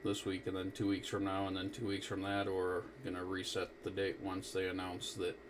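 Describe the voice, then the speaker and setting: A man with a low, flat voice runs an amateur radio net as its controller. He speaks over a two-way radio link with faint noise behind him. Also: moderate pace. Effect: two-way radio transmission. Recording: noisy radio transmission.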